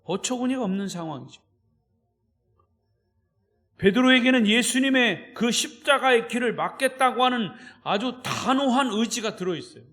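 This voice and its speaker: A male pastor delivering an evening service sermon in a notably high voice. He preaches with emphasis and keeps turning to the congregation with short prompts to draw them in. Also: a bit bright. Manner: emphatic, checks in with listeners with "예?".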